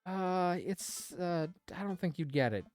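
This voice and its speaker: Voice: medium pitch, expressive, measured pace, a little mellow, soft background music, pitched above the performer's own voice, natural voice. A streamer voicing a sarcastic teenage daughter, reading game dialogue aloud with terse, eye-rolling retorts. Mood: deadpan.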